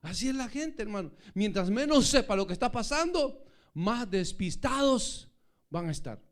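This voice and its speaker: Animated, high-voiced pastor. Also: male voice, normal speed. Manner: animated, acts out scenes with sudden shouts. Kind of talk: sermon.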